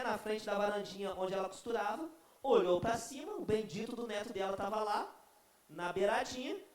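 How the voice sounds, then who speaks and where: A young man preaching to a youth group, telling a story in an animated, comic way. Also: sits high. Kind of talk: storytelling sermon. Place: church. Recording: echoey church hall.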